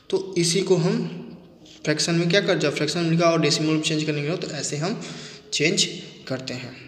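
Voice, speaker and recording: In a room full of long, echoing reverb, a man gives a spoken maths lesson. His voice is on the high side and fairly bright. He poses questions, answers them himself, and goes over each step again.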